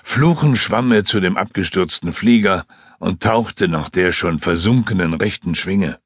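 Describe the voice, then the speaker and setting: A man narrating a fantasy audiobook in an unhurried, expressive storytelling manner. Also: low-pitched, breathy edge, no room sound, studio quality. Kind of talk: scripted narration.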